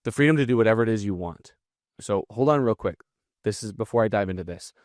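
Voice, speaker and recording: A marketing and copywriting teacher breaks down ad copy over a screen share, talking quickly and bluntly in a low voice. He's casual and unscripted, swears freely, and keeps up a brisk, energetic pace. The recording is close and dry, with no echo or room sound.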